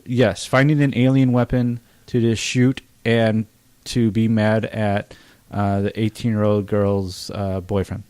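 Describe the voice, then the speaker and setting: A man's voice: on the low side, level tone, unhurried, darkish tone, clear, resonant tone, no room sound. A man in a casual roundtable movie review, criticizing bluntly and scornfully with plenty of swearing. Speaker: film reviewer.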